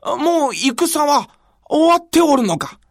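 Gruff impatient warlord, as a storyteller puts him on, commanding, gravelly edge. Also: sits high, big pitch swings, takes it slowly, a little hiss or hum, pitched above the performer's own voice, full character voice. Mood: brusque. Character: bold impatient warlord, male middle-aged. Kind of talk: traditional storytelling.

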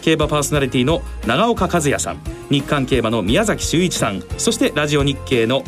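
A man's voice: a little high, sing-song, fairly quick, music in the background. A man co-hosting a radio horse racing show, presenting in very polite, formal Japanese.

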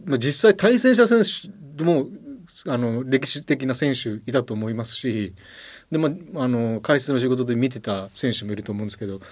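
A man hosting a radio talk show, asking questions in a relaxed way with easy laughs. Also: mid-range voice, brisk. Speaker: radio host, newspaper editor.

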